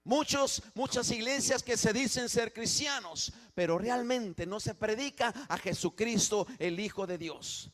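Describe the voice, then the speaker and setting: Impassioned preacher man with a bright tense voice. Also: high voice, unhurried, few pauses. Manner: impassioned preaching, swings from hushed to loud; repeats words and restarts phrases. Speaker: pastor. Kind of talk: sermon. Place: church.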